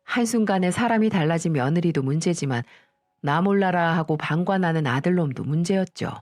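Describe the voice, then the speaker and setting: A woman's voice: lowish voice, animated, a little fast, a little mellow, dry recording. Indignant older woman telling her story. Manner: indignant, addresses listeners directly. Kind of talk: story radio narration. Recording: dry voice with faint music.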